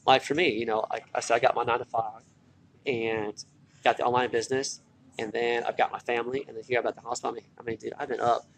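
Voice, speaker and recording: A tired man speaks rapidly in a mid-pitched, gravelly voice. He is casual and earnest, circling back on phrases to press his point like a motivational vlogger. Faint hospital corridor noise sits behind him. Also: level tone, rough recording. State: tired from little sleep. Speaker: online marketer and former military recruiter. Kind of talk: casual motivational vlog talk. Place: hospital, such as a corridor or waiting area. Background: faint hospital ambience.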